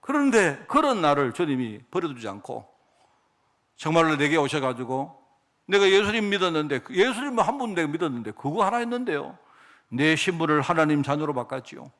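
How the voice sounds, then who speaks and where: Male pastor, middle-aged, highish voice, very lively swooping pitch, emotional sermon. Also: brisk. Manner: emotional, conversational, asks the congregation for agreement.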